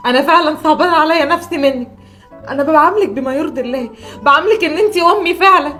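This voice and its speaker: An actress playing a mistreated young pregnant wife, meek and pleading, with an Egyptian accent. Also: female voice, sits high, very fast, sharp tone, soft background music. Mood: hurt. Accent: Egyptian Arabic.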